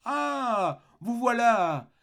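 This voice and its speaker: A man voicing a kindly, serene elderly bishop who talks gently and solemnly, in a raised voice. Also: high-pitched, very animated, normal speed, voice pushed up, full character voice. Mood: glad. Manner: warm, solemn, forgiving.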